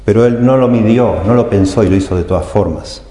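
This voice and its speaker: A man's voice: lowish voice, fairly quick, mellow. A man preaching a sermon, explaining scripture and voicing its cries with emphasis. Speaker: pastor. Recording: echoey hall with long reverb.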